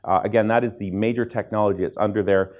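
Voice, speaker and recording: A man with a fairly low voice leads a technical seminar. He explains things patiently, with lots of "uh"s, restarts and asides checking in with the room. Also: fairly even intonation, fast talker, a little mellow, dull audio. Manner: explanatory, many fillers and restarts, asides to the audience. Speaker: seminar instructor. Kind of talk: technical conference lecture.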